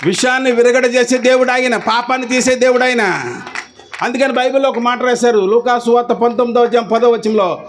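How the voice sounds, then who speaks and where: A man with a Telugu accent preaching a sermon as pastor, firing rhetorical questions and urging the crowd to answer back. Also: very high voice. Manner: rhetorical questions and repeated call-and-response urging.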